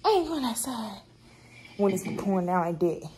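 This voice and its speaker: A relaxed young woman rambles through a casual day-in-my-life vlog, calling her audience y'all as she speaks into a phone held close at arm's length. Her voice is mid-range and moderately paced over background noise, recorded first in her bedroom and later in a car during heavy rain.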